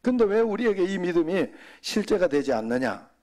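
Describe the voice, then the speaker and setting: A man's voice: high voice, sing-song, moderate pace, a little mellow. A middle-aged male pastor giving a sermon in a folksy, conversational way, often slipping in quoted asides.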